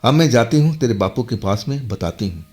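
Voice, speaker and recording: A man's voice: medium pitch, animated, a little fast, darkish tone, lightly acted. A man voicing a worried village mother who comforts her frightened son, soothing yet urgent, in a told horror story.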